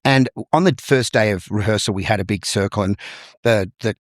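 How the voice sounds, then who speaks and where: An Australian man with a fairly low voice recounts his stage career in a relaxed interview. He talks in long anecdotal runs, often restarting and repeating words. The recording is dry and close, with no room sound. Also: a little fast, no echo. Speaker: guest, musical theatre performer and vocal coach. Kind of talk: casual interview storytelling.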